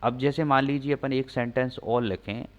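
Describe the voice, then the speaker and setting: A man's voice: medium pitch, fairly even intonation, normal speed. Male grammar teacher, patient explainer who dictates sentences word by word and answers his own questions, dull lo-fi recording. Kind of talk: classroom-style explaining lesson.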